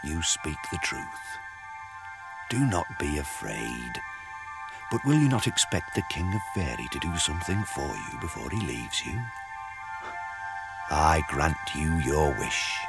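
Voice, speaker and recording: Grave, unhurried fairy king, lively intonation. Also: extremely low pitch, creaky, over loud music, full character voice, poor audio. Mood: gentle. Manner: measured, solemn and reproachful. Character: quiet male apprentice revealed as a stern fairy king. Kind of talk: radio drama acting.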